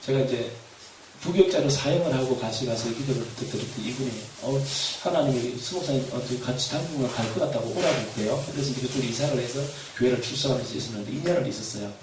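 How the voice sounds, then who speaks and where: A man preaching a sermon as pastor, animated, shouting refrains and laughing as he tells stories. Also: medium pitch, fast. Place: church hall. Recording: echoey hall, far from mic, faint noise.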